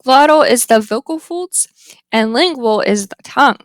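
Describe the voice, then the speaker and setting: A woman giving a phonetics lecture over slides, deliberately spelling out example words one at a time. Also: a little high, expressive, dry recording. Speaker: phonetics instructor.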